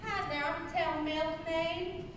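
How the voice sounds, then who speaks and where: A homespun small-town milkmaid, played by a woman in improv comedy. She talks slowly and plainly. The sound is distant and echoey with clear noise. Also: very high-pitched, fairly even intonation. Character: folksy small-town milkmaid, proud of family farm. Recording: echoey hall from far off, noisy.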